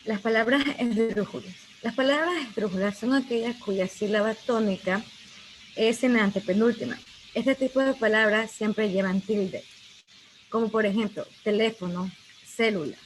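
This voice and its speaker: A woman's voice: a little high, moderate pace, rough recording. A young woman giving a class presentation as a student, reading definitions with hesitant fillers. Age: young adult. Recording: faint background noise.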